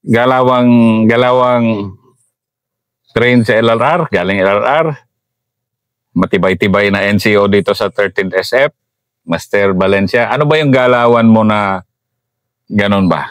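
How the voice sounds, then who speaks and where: Brief: deep-ish male interviewer from mindanao, easygoing prompts, dry sound. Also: a little slow, pauses often, no room sound. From Mindanao, Philippines. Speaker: retired army colonel and interviewer. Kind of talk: casual interview.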